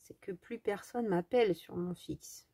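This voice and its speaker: A woman's voice: medium pitch, measured pace, warm tone, a little hiss or hum. A French woman with a French accent chats casually to her viewers as she crafts, hesitating often and thinking aloud with many fillers. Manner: talks straight to her viewers. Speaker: crafting vlogger. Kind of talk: casual craft-along chat.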